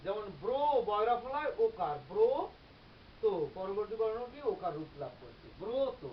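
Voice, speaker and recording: A teacher giving a grammar lecture, explaining step by step and repeating example words slowly. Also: mid-range voice, very animated. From Bangladesh. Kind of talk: classroom-style grammar lecture. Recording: slightly dull recording with faint hiss.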